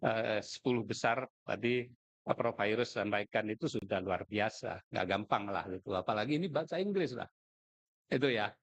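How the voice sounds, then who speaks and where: A man's voice: lowish voice, moderate pace. Chatty man speaking. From Madura, Indonesia. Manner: chatty, joking, colloquial asides. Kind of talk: informal speech at a contest.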